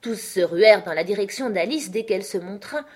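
A woman narrating a storybook audiobook in a soft, even reading voice. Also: medium pitch, a little fast, husky. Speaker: audiobook reader.

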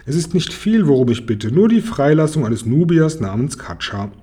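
A man's voice: fairly high pitch, sing-song, moderate pace, dark tone. A man reading aloud, voicing a boastful, persuasive male trader in a children's story. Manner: smooth, persuasive, self-assured.

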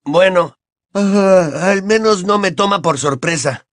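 A man's voice: high-pitched, slow, fairly bright tone, dry recording, studio quality, pitched above the performer's own voice. A man doing a raised, sarcastic teen wizard boy. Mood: joking, sarcastic. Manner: sarcastic, mock-offended. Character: lazy, joking teenage boy wizard.

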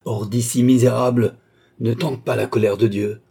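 Voicing a furious, contemptuous young noblewoman in an audiobook, a man shouts and rages in her pride. He speaks at medium pitch, unhurried and animated, with a husky quality.

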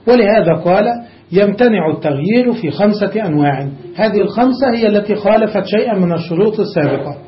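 A man with a high voice leads a classroom grammar lesson. He keeps asking his students rhetorical questions and drills word forms one after another. The recording is dull and lo-fi. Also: expressive, fast talker. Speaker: sheikh teaching Arabic grammar.

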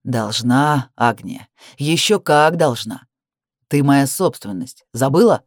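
A woman voicing a cruel young man threatening his stepsister in a slow, low, contemptuous voice. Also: expressive, no room sound, clean studio sound, exaggerated voice. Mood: cold menace. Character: menacing young man, cold cruel stepbrother.

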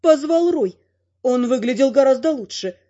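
High-voiced woman reading an audiobook wryly. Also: expressive, moderate pace, mellow, dull audio. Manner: wry, ironic storytelling. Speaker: audiobook narrator. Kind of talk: first-person audiobook narration with voiced dialogue.

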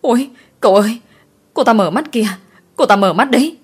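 Lady doing a scared servant boy, pleading, stammery, lowish voice. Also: fairly even intonation, moderate pace, a little mellow, lightly acted. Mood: panicked. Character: timid young male servant, jumpy and fearful.

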